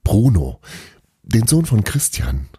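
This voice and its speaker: A man's voice: lowish voice, huge pitch swings, slow pace, mellow, breathy edge, no echo, studio quality, voice pushed up, heavily acted. A man voicing Santa's cheerful young female helper, who chatters eagerly.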